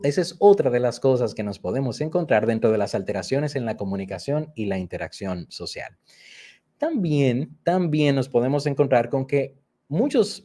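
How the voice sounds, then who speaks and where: Calm man teaching a workshop. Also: medium pitch. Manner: patient, repeats key points, addresses audience directly; acts out children's repeated phrases. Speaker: instructor. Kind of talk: explanatory workshop lesson.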